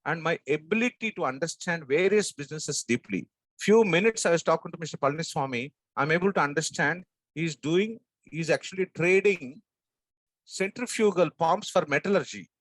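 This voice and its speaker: This is a man close to sixty with a strong Telugu-flavoured South Indian accent. His voice sits a little high and is recorded dry. He talks like a sales trainer, in short emphatic phrases, often putting questions to his listeners. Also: fairly bright tone, no echo, low-quality recording. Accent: strong South Indian Andhra Telugu. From South India, Andhra. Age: 59, about sixty. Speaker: sales trainer and business coach. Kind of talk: motivational training talk to an audience.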